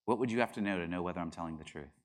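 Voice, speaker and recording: A man's voice: sits low, rapid-fire. A middle-aged man teaching a class, arguing his points with rising emphasis and acting out quoted voices. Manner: animated, acts out quoted voices with bursts of laughter. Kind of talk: classroom lecture.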